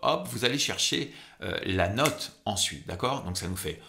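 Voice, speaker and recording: A man's voice: on the low side, expressive, normal speed, creaky, pushed and bright, slight background noise. A man giving an informal vocal technique lesson as a singing coach, conversational and instructional, drawing out key words for emphasis.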